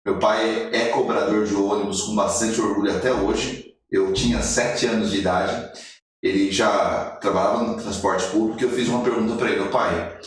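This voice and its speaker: A man in his forties with a somewhat low voice tells his life story as a guest on a podcast. He is an animated storyteller who acts out the lines he quotes. The room is very echoey and he sits a little back from the mic. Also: recorded from a distance, a little hiss or hum. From Brazil. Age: 40s. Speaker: podcast guest, motivational speaker.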